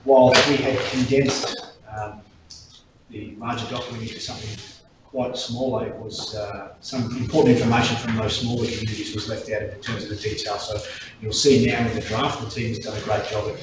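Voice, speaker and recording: An Australian man introducing an item at a council meeting, formal and measured with fillers. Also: fairly low pitch, level tone. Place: council chamber. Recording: echoey, distant, dull, noisy room recording.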